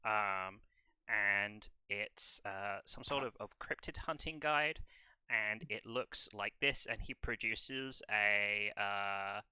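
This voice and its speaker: Bright, crisp-voiced man running a tabletop game. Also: lowish voice, no echo. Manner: halting, hesitant narration with many ums. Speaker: game master.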